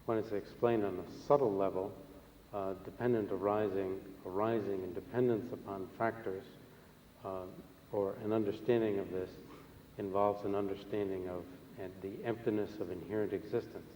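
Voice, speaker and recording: Dark, low-voiced male interpreter in echoey hall. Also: steady tone. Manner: measured, formal, pausing between short phrases. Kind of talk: consecutive interpreting of a religious teaching. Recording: echoey hall, long reverb, faint noise.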